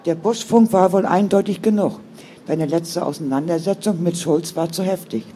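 A man's voice: high voice, normal speed, mellow, a little hiss or hum, natural voice. A man voicing a firm, caring older sister who speaks in an earnest, sometimes stern way. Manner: stern then soothing, earnest.

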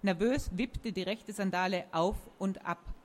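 A woman reading a children's story aloud in a lively, expressive way. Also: medium pitch, unhurried.

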